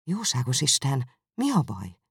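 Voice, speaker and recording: Narrator doing a reserved gentleman, low formal voice, a bit gravelly, dry sound. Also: huge pitch swings, no echo, exaggerated voice. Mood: concerned. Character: reserved gentleman, shaken but composed.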